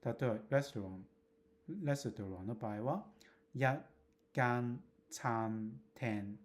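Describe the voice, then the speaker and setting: A man teaching in a video lesson, drawing out example phrases slowly and repeating them. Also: on the low side, dark tone. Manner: slow, drawn-out drills of example phrases. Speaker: Cantonese language teacher.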